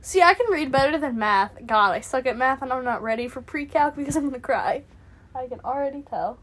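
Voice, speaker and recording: Giggly high-voiced teenage girl. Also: fairly quick, a bit bright. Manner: giggly, rambling, self-mocking. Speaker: podcast co-host. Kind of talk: casual chat.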